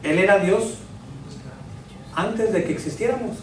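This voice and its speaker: Heard from far off in an echoey church sanctuary, a man with a high, slightly mellow voice preaches at a measured pace. His sermon keeps returning to rhetorical questions and call-and-response, and there's a bit of hiss or hum in the audio.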